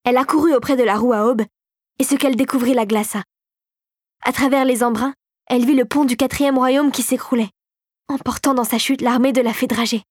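Woman telling a storybook adventure, dramatic and expressive, kinda high voice. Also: brisk, no echo, studio quality. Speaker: narrator. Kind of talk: scripted storybook narration.

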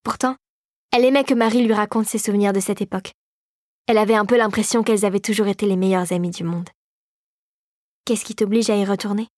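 A woman narrating a children's storybook in a clear, steady storytelling manner. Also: mid-range voice, quick pace, no room sound, studio quality.

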